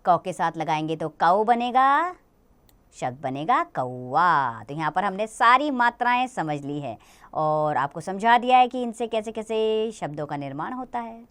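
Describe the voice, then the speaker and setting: Smooth-voiced woman teaching children. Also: medium pitch, animated, a bit bright. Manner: slow, patient, explaining to children. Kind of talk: children's grammar lesson.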